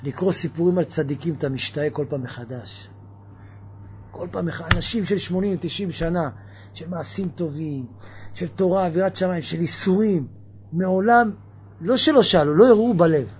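A man giving a lively religious sermon, firing off mocking rhetorical questions. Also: a little high, dull audio, slight background noise. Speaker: preacher.

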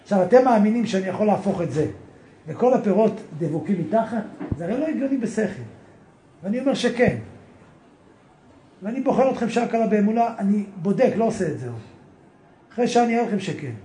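A man preaches a sermon to a gathered group in a high voice. He acts out the voices of the people he quotes and breaks into sudden loud exclamations. The room echoes around him. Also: a little hiss or hum.

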